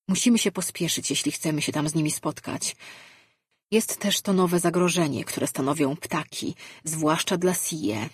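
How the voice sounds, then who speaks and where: A woman reading the part of a stern, weary male leader, speaking firmly and in measured phrases. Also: sits low, husky, no echo, studio quality, full character voice. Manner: firm, measured.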